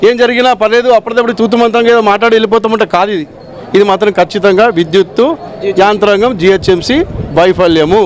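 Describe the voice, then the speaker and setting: Angry, rapid-talking local man. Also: sits high, fairly even intonation, a faint crowd. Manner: angry, pleading. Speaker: local resident. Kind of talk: street interview.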